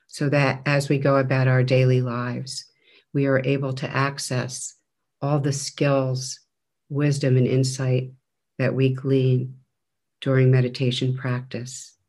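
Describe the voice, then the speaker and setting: In a guided meditation, a male teacher speaks at a very slow tempo. His phrases are separated by long, measured pauses, and his tone remains gentle, flat, and medium in register.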